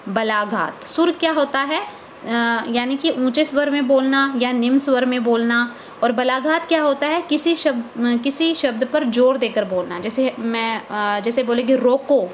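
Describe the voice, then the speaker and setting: A woman's voice: sits high, a little hiss or hum. A woman teacher giving a Hindi lecture to college students, explaining and posing questions that she answers herself.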